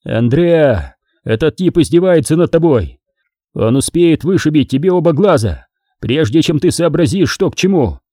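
A man's voice: on the high side, animated, moderate pace, mellow, no echo, studio quality, pitched above the performer's own voice. A man reading an audiobook voices a frightened, blustering aging mafia boss. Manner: shaky, blustering, pleading.

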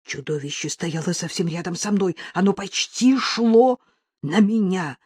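Expressive woman reading a dog's story. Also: fairly low pitch, unhurried, husky, no room sound, clean studio sound. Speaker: audiobook reader. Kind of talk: first-person audiobook narration as a dog.

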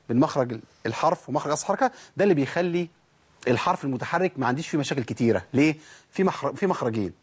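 A man with an Egyptian accent and a slightly rough, mid-range voice teaches Quran recitation in a recorded lesson. He poses questions, answers them himself, and repeats words to demonstrate letter sounds.

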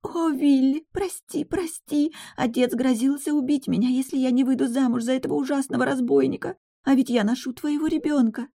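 An audiobook reader voicing a clingy, lovesick young townswoman who pleads in a breathless, shrill voice. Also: steady tone, a little fast, vocal fry, few pauses, warm tone. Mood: pleading. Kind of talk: audiobook character voice.

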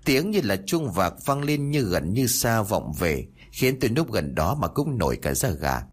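A man narrating a village ghost story in the first person, with expressive, lively storytelling. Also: on the low side, moderate pace, breathy edge.

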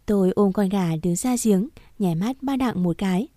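Woman reading a family story, mellow and dry. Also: medium pitch, normal speed, no room sound. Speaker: narrator. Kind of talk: storybook narration.

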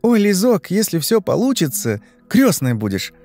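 A man's voice: sits high, sing-song, a little mellow, faint music behind, pitched above the performer's own voice, full character voice. A man voicing a chatty, gushing, gossipy young woman who talks in a fawning chirp. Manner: chirping, fast-flowing, fawning.

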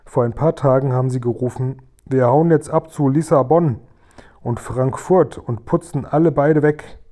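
A man voicing a gentle male giant who mumbles slowly and muddles his words, read aloud from a storybook. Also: mid-range voice, close to an everyday voice. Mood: grumbling.

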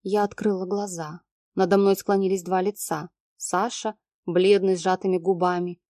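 A woman's voice: fairly low pitch, level tone, normal speed, mellow, no room sound, clean studio sound. A young woman reading a first-person story aloud as narrator.

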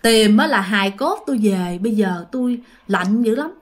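A woman's voice: medium pitch, lively intonation, normal speed, close to an everyday voice. A woman voicing the grieving ghost of an old male soldier, speaking in a pleading, mournful way.

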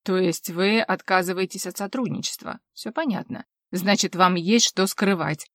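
A loud, bullying male inspector barks his accusations in an audiobook, clipped and commanding, as a woman reader puts him on. The sound is close and dry. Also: mid-range voice, normal speed, dry recording, lightly acted. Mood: barking. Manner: barking, accusing.

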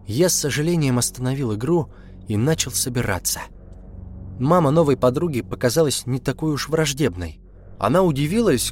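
A man narrating a first-person story in an expressive, scripted reading, slowing down to linger on key words. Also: mid-range voice, slight background noise. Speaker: audiobook narrator.

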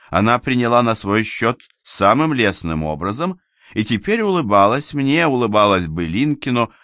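Deep-voiced male audiobook narrator. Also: no echo, clean studio sound. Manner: measured, even storytelling reading. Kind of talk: scripted narration.

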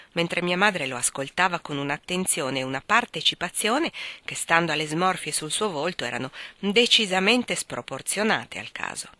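A woman narrating a novel in a calm, measured audiobook reading. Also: on the low side, no echo. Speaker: audiobook reader.

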